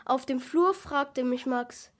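A woman's voice: high-pitched, slow pace. Woman reading a children's detective story. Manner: lively, voices each character's lines.

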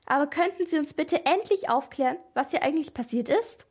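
A bold girl detective, eager and full of energy, as a woman storyteller puts her on. Her voice is high and bright for a children's mystery. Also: lively intonation, a little fast.

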